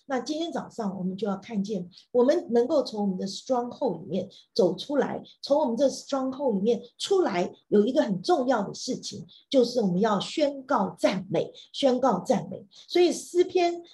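A woman preaching a sermon, with many fillers and repeated phrases, who drops English words into her talk and breaks into shouted praise. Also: fairly high pitch.

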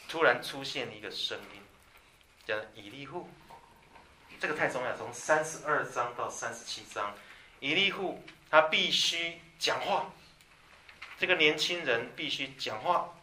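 A man delivers a sermon in a crisp, bright voice. He moves between soft, intimate asides and loud, emphatic lines. He sounds roomy and a little distant from the mic, with faint ambience behind him. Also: mid-range voice, measured pace, slight background noise. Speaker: preacher. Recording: echoey room from a distance.

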